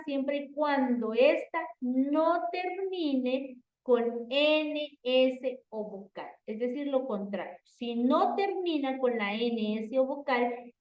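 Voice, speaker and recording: Slow-speaking woman teaching in an echoey room. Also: high voice. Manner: slow, repetitive explaining with frequent "entonces" and "por favor". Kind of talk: online class lesson. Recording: echoey, distant, dull online audio.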